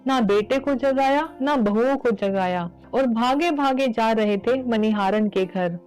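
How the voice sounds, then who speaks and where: A woman's voice: on the high side, a little slow, a little mellow, clean tone, soft background music, rough recording. A woman narrating a devotional story as a channel host, addressing listeners earnestly.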